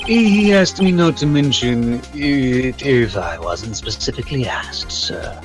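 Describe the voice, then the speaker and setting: A man's voice: mid-range voice, animated, takes it slowly, over music. A man voicing a formal, evasive hotel bellboy in a game read-along, hesitant and old-fashioned in his politeness, with a sinister edge. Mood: formal, servile. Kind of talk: video game read-along role-play.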